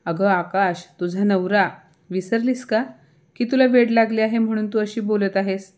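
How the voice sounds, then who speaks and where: A woman's voice: mid-range voice, fairly even intonation, normal speed, darkish tone, natural voice. A woman voicing a proud older mother-in-law who scolds sharply in a family story. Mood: scolding.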